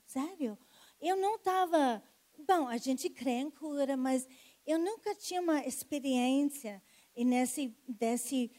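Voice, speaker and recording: Here a woman preacher with a high, mellow voice narrates a testimony of healing during her sermon. Her altar call builds in energy as she calls people to come up and pray.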